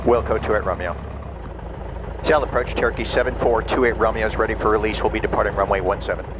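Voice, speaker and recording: A low-pitched man makes air traffic control radio calls as a pilot. He speaks in measured, procedural readbacks and callouts, with clear aircraft noise in the cockpit recording. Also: fairly even intonation. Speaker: pilot, video host. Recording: noisy aircraft cockpit audio.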